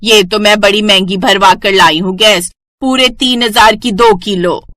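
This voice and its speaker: Gossipy neighbor lady, excitable and drawn-out, as a woman narrator puts her on. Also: medium pitch, no room sound, natural voice. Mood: complaining.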